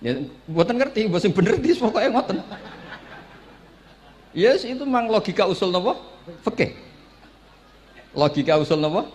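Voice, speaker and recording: A man's voice: high voice, very animated, normal speed, long pauses, darkish tone, a little hiss or hum. A middle-aged man with a Javanese accent giving a sermon, telling stories with acted dialogue and joking asides. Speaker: Islamic preacher.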